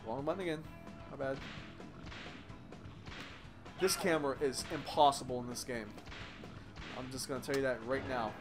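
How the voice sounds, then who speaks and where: This is a man commentating his own let's play in a steady, middle-range voice, swearing at nearly every turn. He rambles, doubles back on his words and throws in sarcastic asides. Game music plays clearly under his talk. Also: medium pitch, moderate pace, long pauses. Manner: profane, ranting and sarcastic; rambling with frequent restarts and asides.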